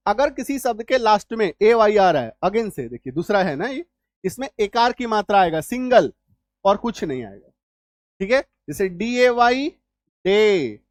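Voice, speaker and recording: A man's voice: high voice, very animated, normal speed, dry recording, clean studio sound. A man teaching English spelling rules in an online lesson, repeating each rule and often checking whether students follow.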